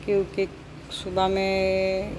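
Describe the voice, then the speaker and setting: A middle-aged woman and mother talking through a casual home vlog in a slow, coaxing way, sometimes slipping into doting baby talk. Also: mid-range voice, monotone, background noise.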